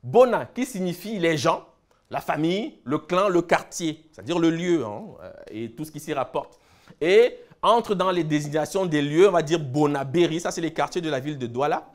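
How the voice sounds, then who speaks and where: Man giving a didactic lecture, fairly high voice. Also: normal speed. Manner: repeats words while explaining, lists word after word, checks in with "d'accord?". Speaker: lecturer on Egyptian hieroglyphs. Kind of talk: explanatory lecture.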